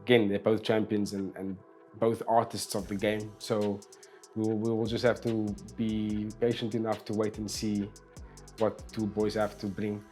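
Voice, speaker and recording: A man's voice: fairly low pitch, completely flat delivery, normal speed, a little mellow, soft background music. A man hosting a casual fight preview, talking loosely with frequent restarts and repeated words. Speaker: host.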